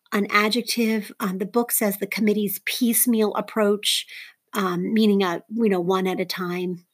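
A woman's voice: medium pitch, husky. A woman teacher talks through a vocabulary list for a recorded lesson. She is chatty and informal, filling her explanations with ums and everyday example sentences. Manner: frequent ums and asides.

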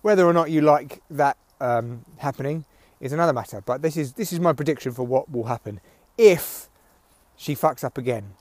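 A man's voice: mid-range voice, moderate pace, no echo. A man hosting a rambling, opinionated solo comedy podcast, ranting and swearing, recorded outdoors through headphones used as a microphone. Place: outdoors in windy weather. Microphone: headphones used as mic. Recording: recorded through headphone mic, rustly clicks.

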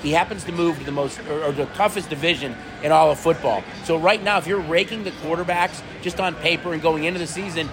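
A man with a slightly hoarse voice co-hosting and giving casual sports analysis. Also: fairly high pitch, fast talker, few pauses, crowd noise. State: slightly hoarse, losing his voice. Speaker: sports show co-host.

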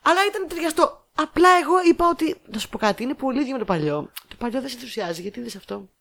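A woman's voice: fairly high pitch, animated, gravelly, fairly bright tone. A woman co-host talking films in an easygoing chat. She has a cough and a stuffy nose today. She thinks aloud and often repeats small words while finding her point. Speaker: podcast co-host. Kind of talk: casual chat reviewing films.

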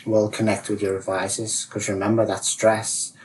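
A man explains his ideas in an easygoing chat, peppering his talk with fillers and slipping into higher, louder voices when he quotes his feelings. He sits some way from the mic, and a faint room noise hangs behind him. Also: moderate pace, recorded from a distance, poor audio. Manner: animated, acts out inner voices, many "like, you know" fillers. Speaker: guest, self-realisation coach.

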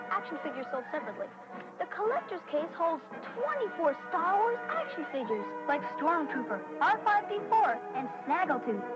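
An excited child , acted by a woman, shows off toys in a vintage TV commercial. The voice is extremely high and animated, with loud music behind it. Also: poor audio. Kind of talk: vintage toy commercial acting.

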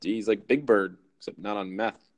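Low-voiced North American frat-bro guy. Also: moderate pace, dry recording. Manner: frat-bro banter, crude and slangy. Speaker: sports podcast co-host. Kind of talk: casual sports chat.

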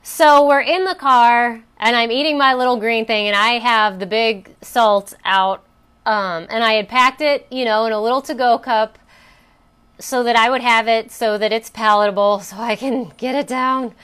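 A woman's voice: fairly high pitch, steady tone, moderate pace, a bit bright, smooth. A woman hosting a personal coaching talk, telling a story in a chatty way with fillers and restarts. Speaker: host.

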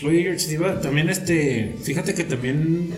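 A man's voice: a little high, measured pace, darkish tone. A man with a northern Mexican border Spanish accent in casual chat, agreeable and often repeating words. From El Paso and Ciudad Juárez region. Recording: roomy echo, faint music.

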